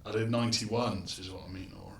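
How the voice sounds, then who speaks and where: A man with a lowish, fairly evenly intoned voice streams a game live, chatting briskly and thinking aloud. His built-in webcam mic sits at a distance and makes him sound like he's in an echoing tunnel, with faint ambient noise.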